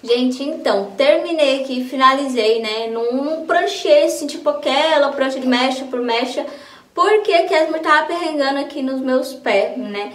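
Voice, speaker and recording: A woman's voice: high voice, normal speed, faint music behind. A Brazilian woman with a Brazilian accent, chatting enthusiastically in a casual beauty vlog from her home. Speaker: vlogger. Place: home, bathroom then by a window. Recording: echoey room with faint noise.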